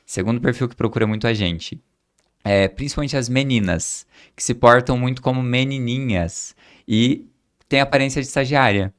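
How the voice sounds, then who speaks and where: A man's voice: medium pitch, moderate pace, clear, resonant tone. A man hosting an interview podcast, a doctor explaining his work and acting out what patients and students tell him. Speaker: podcast host, aesthetics doctor. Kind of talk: conversational interview.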